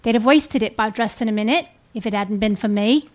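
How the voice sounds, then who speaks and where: In a live dramatic reading, a woman plays a brazen, defiant Victorian thief selling a dead man's goods. Her voice is on the high side, a little fast and lightly acted.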